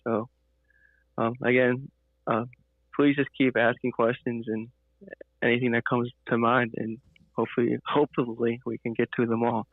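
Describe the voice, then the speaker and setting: Brief: male call-in participant, casual, level pitch, narrow muffled phone sound. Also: level tone, moderate pace, pauses often, no room sound.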